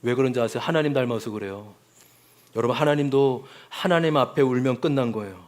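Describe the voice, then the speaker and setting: A man's voice: medium pitch, fast talker. A man preaching a Sunday sermon as pastor, often calling out to the congregation and acting out quoted voices.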